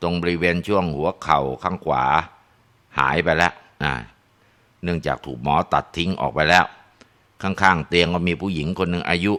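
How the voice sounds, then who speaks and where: A man narrating a ghost story in a relaxed way, with frequent tag particles and filler sounds. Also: low-pitched, normal speed.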